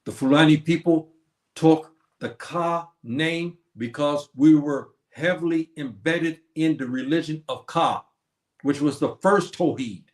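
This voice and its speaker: In an echoey room, a male host with a fairly high voice talks about history at a measured pace over his stream mic. He moralizes, posing questions he then resolves himself.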